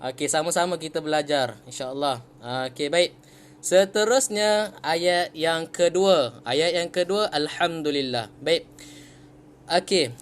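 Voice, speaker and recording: In a relaxed online class, a Malaysian Malay-accented man patiently goes over Quran reading, repeating every point and reciting examples more slowly. His pitch is fairly high, and there is a bit of background noise.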